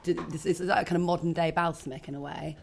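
A woman's voice: sits low, steady tone, fast. A middle-aged woman talking casually about her cooking, laughing as she talks. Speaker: caterer guest. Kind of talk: casual chat.

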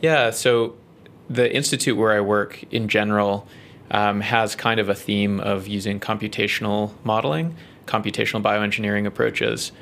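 A research scientist with a New Zealand accent explains his work in an interview, speaking in a measured way with plenty of ums and uhs. His voice is fairly low, steady, creaky and a bit bright.

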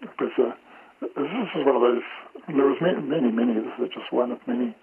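A man whose voice is disguised by an altering filter, a former intelligence officer talking on the phone in a halting way, with many fillers and restarts. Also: medium pitch. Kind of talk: phone interview. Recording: tinny, noisy phone line.

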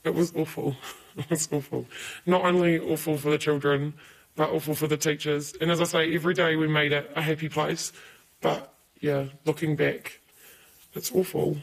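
Woman with a disguised deep voice. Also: flat delivery, normal speed, poor audio. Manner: blunt, emphatic, repeats key words. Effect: voice electronically altered, pitched down to a disguised deep voice. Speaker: early childhood teacher. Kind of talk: anonymous interview.

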